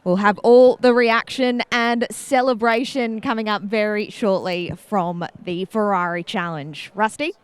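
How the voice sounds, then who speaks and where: Upbeat pit lane reporter. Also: female voice, mid-range voice, steady tone, clear, resonant tone, dry recording. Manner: upbeat, quick questions. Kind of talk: post-race interviews.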